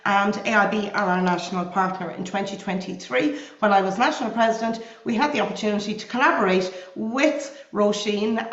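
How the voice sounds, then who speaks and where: A woman with a croaky voice presenting as programme manager in an online webinar, in a welcoming manner. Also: medium pitch, reverberant, lo-fi sound. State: croaky voice from air conditioning.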